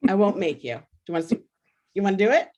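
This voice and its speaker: A woman facilitating a workshop over a video call, energetic, often checking in with "right?". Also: medium pitch, fast talker. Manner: energetic, frequently asks "right?".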